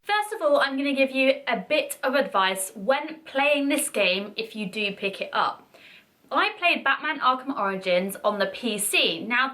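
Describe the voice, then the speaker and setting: Bright, high-voiced young woman, slightly husky. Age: young adult. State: recovering from flu. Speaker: game reviewer and presenter. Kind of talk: scripted-style video game review.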